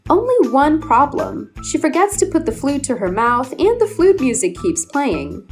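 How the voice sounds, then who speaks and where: A woman delivers scripted compilation narration in a fairly high voice. Her intonation is very lively and varied, with faint music underneath. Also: normal speed. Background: background music.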